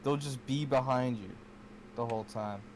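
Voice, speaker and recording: Excitable swearing man gaming with friends. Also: mid-range voice, moderate pace, a little hiss or hum. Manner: excitable, swears often, rambling restarts. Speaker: streamer playing a kart racing game. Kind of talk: casual gaming chat.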